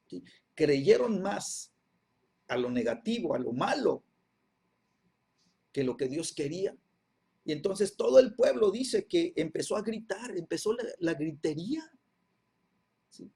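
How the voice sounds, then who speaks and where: A man's voice: on the high side, warm tone, husky. A man teaching a Bible class, repeating phrases and checking in with his listeners after nearly every line. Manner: constant "¿sí?" and "¿verdad?" check-ins, repeats phrases.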